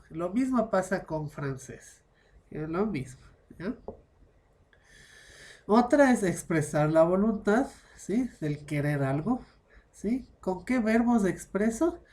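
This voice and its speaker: In a French grammar lesson, a man with a high, slightly mellow voice explains in one language and slips into French for his examples. He keeps checking that listeners follow, tacking on short tags like "¿ya?" and "¿no?" constantly.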